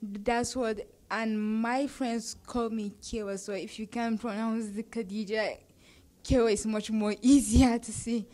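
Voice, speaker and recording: Teen exchange student girl from Nigeria, unhurried and chatty, laughs through answers. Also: on the high side, fairly even intonation, warm tone. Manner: chatty, laughs while talking. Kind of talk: casual interview answers.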